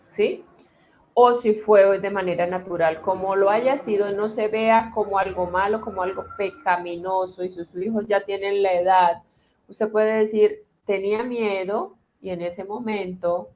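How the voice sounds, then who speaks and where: Calm middle-aged woman therapist. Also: medium pitch, lo-fi sound. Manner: calm, slow, reassuring guidance with pauses. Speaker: transgenerational therapist. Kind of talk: guiding talk answering viewer questions.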